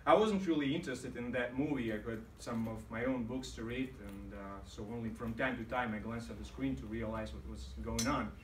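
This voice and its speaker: A man delivers a storytelling speech at a club meeting, pausing often with fillers. He is recorded from afar in a roomy hall, and a faint room hum sits underneath. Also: medium pitch. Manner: hesitant, many fillers. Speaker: club speaker. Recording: roomy hall, mic far off.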